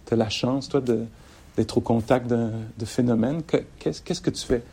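Speaking at normal speed in a medium-pitched, breathy voice, this middle-aged man leads a mindfulness dharma talk for an audience. He teaches meditation with warm humor, laughing a lot and drifting off his point before finding it again.

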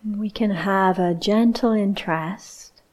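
Speaking in a mid-range voice, a female meditation teacher guides the session. Her delivery is soft and slow, with lengthy silences between phrases.

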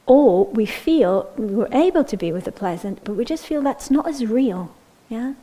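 A woman meditation teacher gives a gentle, unhurried dharma talk, often asking "yeah?" and at times sinking to a near-whisper. Her voice sits on the high side with lively intonation, on a rough recording.

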